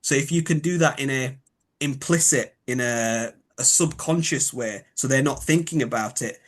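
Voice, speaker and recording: Yorkshire man, expert guest, mid pitch, thoughtful, rephrases on the fly. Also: normal speed. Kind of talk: explanatory interview talk.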